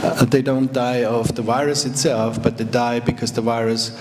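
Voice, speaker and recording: A man's voice: medium pitch, flat delivery, moderate pace. A middle-aged man from Austria, a native German speaker with an Austrian accent, giving a university guest lecture, explaining carefully with fillers and restarts. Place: lecture hall. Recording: lecture hall reverb, background noise.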